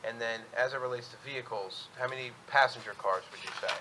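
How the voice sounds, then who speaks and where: A man speaking as an attorney at a public hearing, presenting and questioning in a halting, methodical way. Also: medium pitch, bright, forceful tone, slight background noise, poor audio. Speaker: attorney for an applicant. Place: public board meeting room.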